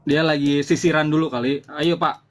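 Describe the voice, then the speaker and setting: A man's voice: on the high side, steady tone, moderate pace. A man hosting a live debate, explaining his points insistently and often repeating himself. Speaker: host, translator and team leader debating religion.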